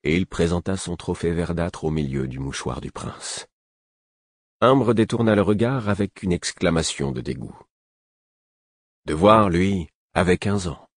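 A male narrator with a very deep, husky voice reads a first-person novel for an audiobook, his delivery measured and even. The recording is dry and close, with no room sound.

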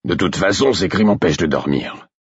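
A man reading aloud and voicing a gruff but kindly working man who speaks in a gentle, plain-spoken way. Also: sits low, a little fast, dry recording, muffled recording. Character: gruff, kindly man with big tanned hands. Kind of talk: audiobook reading.

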